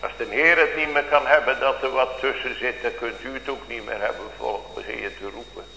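A man's voice: medium pitch, steady tone, fairly quick, creaky, bright, forceful tone. A male pastor preaching a sermon to his congregation with fervent, old-fashioned biblical phrasing. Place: church. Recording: echoey church hall with faint hum.

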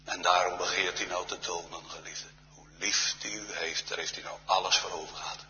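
A man's voice: low-pitched, fairly even intonation, normal speed, bright, forceful tone, a little hiss or hum. A man preaching a solemn church sermon, often sinking to a near-whisper. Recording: reverberant church hall, dull sound.

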